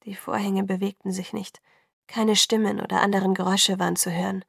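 A woman reading a first-person novel as an audiobook narrator, in a measured, emotional storytelling manner. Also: mid-range voice, little pitch movement, creaky, breathy edge, no room sound, studio quality.

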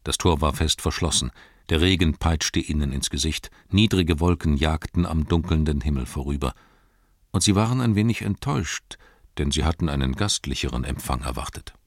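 A man narrating an audiobook in a measured, expressive storytelling manner. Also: rumbling low, no room sound, clean studio sound.

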